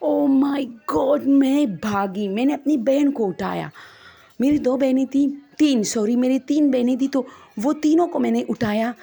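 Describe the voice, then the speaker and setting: A woman's voice: sits high, creaky, dark tone. A woman, chattily retelling a first-person ghost story to her listeners as friends and acting out the quoted dialogue.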